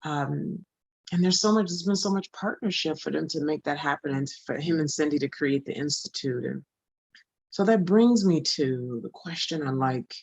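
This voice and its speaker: A woman's voice: sits low, moderate pace, a little mellow, breathy edge, no echo, highs cut off. A woman in her forties giving an earnest motivational talk as a spiritual coach, often repeating phrases for emphasis. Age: 40s.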